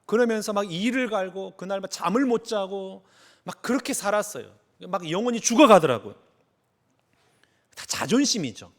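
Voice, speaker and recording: A middle-aged male pastor preaching with a high voice. His pitch leaps up and down all the time, and he acts out the voices of the people he quotes. It is a lively, expressive sermon delivery. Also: normal speed. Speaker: senior pastor.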